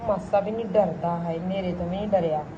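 A woman's voice: fairly low pitch, steady tone, a little fast, muffled recording, noisy background. A mother talking to her young child in a casual home video, coaxing and playfully scolding him.

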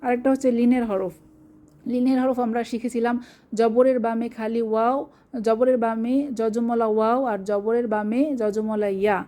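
Woman tutor, Bangladeshi Bengali accent, soft dark tone, slightly high voice, patient step-by-step explaining. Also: flat delivery, moderate pace. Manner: patient explaining with check-ins to listeners. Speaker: Quran recitation teacher. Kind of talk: online tajweed lesson.

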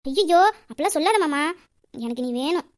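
Brief: a woman voicing a high, fast-talking teasing girlfriend for a romantic audio drama, playful and coaxing. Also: animated. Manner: coaxing, teasing, quick banter.

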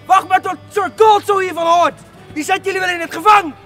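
A hapless gold prospector in a comic children's western, pitched extremely high. He whines and exclaims indignantly, everything hugely overdone. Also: fairly even intonation, a little fast, bright, forceful tone, soft background music. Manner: whiny, over-the-top, exclaiming.

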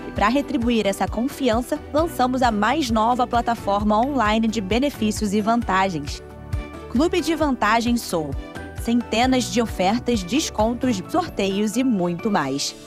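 A woman with a Brazilian accent reading a scripted commercial voice-over in an even promotional tone. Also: on the high side, measured pace, over music. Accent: Brazilian Portuguese.

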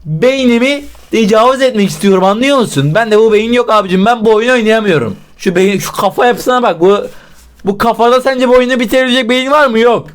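High-voiced man swearing through a horror game. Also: a little fast, smooth. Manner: profane, shouts in fright, swears at the game; talks to himself and the game. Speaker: gaming YouTuber. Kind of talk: casual let's-play commentary.

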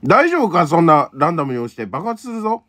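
A man's voice: on the high side, very animated, fast, a bit bright. A man giving casual commentary on a horror game with a co-host, blunt and teasing. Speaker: gaming video co-host.

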